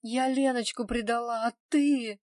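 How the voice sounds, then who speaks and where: A woman's voice: a little high, steady tone, a little slow, darkish tone, no echo, clean studio sound, far from the mic, lightly acted. A woman voicing a distraught young nurse who screams and sobs her accusations, in an audiobook reading. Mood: bitter. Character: distraught young female nurse, vengeful and heartbroken.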